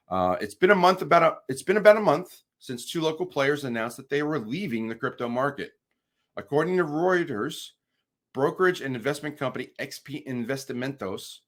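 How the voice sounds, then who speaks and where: A man's voice: medium pitch, fairly bright tone. A man hosting a crypto channel, reading news articles aloud with wry asides and frequent restarts.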